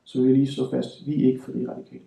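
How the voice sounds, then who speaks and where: Male author reading his prose, flat and dark, distant mic in a reverberant room. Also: medium pitch, creaky. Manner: measured, deliberate delivery with slow emphatic stretches. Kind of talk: literary reading. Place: reading hall at a writing school. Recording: roomy hall, voice from afar.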